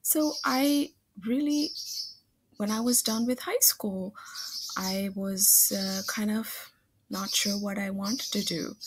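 A school counselor from Singapore introduces herself over a slideshow, talking in a friendly, conversational way, recorded on a laptop webcam at home. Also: female voice, medium pitch, husky. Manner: friendly, conversational with occasional fillers. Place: home room, webcam in corner of screen share.

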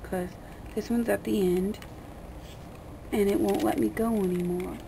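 Her voice is creaky, mid-range, steady and dark, and she talks a little slowly as she rambles through a casual how-to. The vlogger's language is colloquial and mildly crude, and she works at a table in a small, dim room. A camera mic points at her hands, and the homemade recording is noisy.

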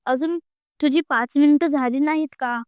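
A woman's voice: high-pitched, moderate pace, a little mellow, dry recording, clean studio sound, close to an everyday voice. A woman voicing a punctual, irritable young man who complains curtly. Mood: irritated. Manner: curt, complaining.

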